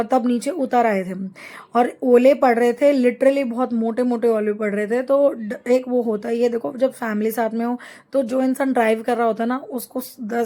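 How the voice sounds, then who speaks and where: Middle-aged woman vlogging her family trip, fairly high voice, rambles and hunts for words. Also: darkish tone. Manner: chatty, rambling, pauses to find words. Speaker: travel vlogger. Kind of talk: casual travel vlog narration.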